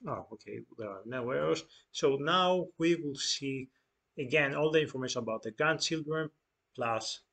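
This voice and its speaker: A young man calmly walking through a software tutorial step by step, with frequent fillers and restarts. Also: mid-range voice, creaky, husky. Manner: unhurried, explaining step by step with many fillers and restarts. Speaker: data engineering tutor. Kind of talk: screen-share tutorial walkthrough.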